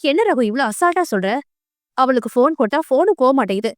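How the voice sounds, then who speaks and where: A stern, reproachful older mother from an audio novel, acted by a woman narrator. She scolds fast in a raised, high voice. The sound is dry and close. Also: expressive, no echo. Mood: scolding.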